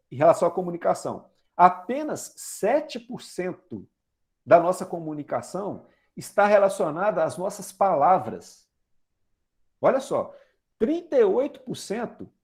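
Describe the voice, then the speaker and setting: Brazilian guy in his 40s preaching, high voice that jumps all over, chatty and asks the room stuff. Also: darkish tone. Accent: Brazilian Portuguese. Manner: chatty, asks the congregation questions, uses homely examples. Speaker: lay preacher. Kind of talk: conversational sermon.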